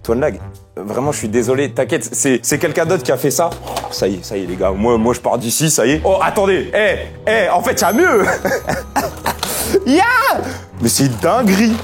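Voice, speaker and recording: A young man giving excited, slangy commentary to his viewers while searching for someone. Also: fairly high pitch, moderate pace, faint music behind. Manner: hyped, slangy, keeps addressing "les gars". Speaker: seeker in a hide-and-seek video.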